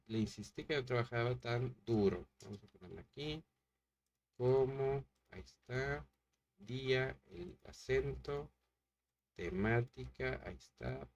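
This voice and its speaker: A man hosting a writing lesson, thinking aloud while editing a story and then reading it out, with hesitant, drawn-out words. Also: mid-range voice, vocal fry, lo-fi sound. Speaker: podcast host teaching story writing.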